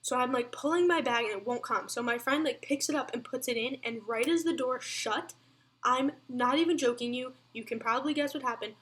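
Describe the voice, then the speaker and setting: A woman's voice: high voice, brisk, fairly bright tone. A young woman telling a storytime vlog, chatty and breathless, full of fillers. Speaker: vlogger.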